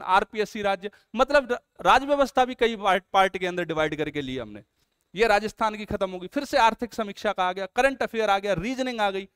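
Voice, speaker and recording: Guy pitching his test series to students, earnest and coaxing, dry close sound. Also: fairly bright tone, clean tone, no room sound. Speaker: exam coaching teacher. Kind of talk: promotional explainer lesson.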